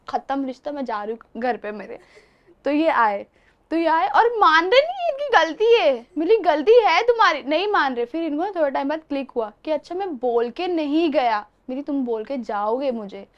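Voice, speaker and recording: Lively young woman telling stories. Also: sits high, dull audio. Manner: animated, laughs often while telling stories. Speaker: interview guest. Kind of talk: casual storytelling interview.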